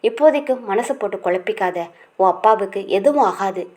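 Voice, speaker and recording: A woman's voice: medium pitch, lively intonation, a little fast, a little mellow, lightly acted. Woman voicing young woman friend, caring, soothing, reassuring, storybook.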